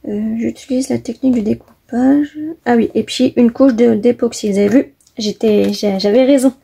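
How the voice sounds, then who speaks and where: Female craft vlogger, husky and warm, casual enthusiastic delivery. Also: fairly high pitch, fairly even intonation, normal speed. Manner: chatty, enthusiastic, many fillers. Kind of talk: casual magazine flip-through.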